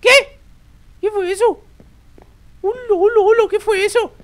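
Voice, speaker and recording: A performer voicing Bebe Timo, an excitable, dramatic baby boy with squeaky, shrieking outbursts, in a Minecraft role-play. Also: a little slow. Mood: excited. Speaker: host.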